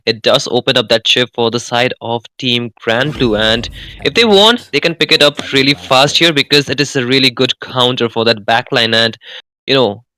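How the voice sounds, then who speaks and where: Bright-voiced male esports co-caster. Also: medium pitch, moderate pace, rough recording. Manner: casual, chatty, joking asides. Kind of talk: esports color commentary.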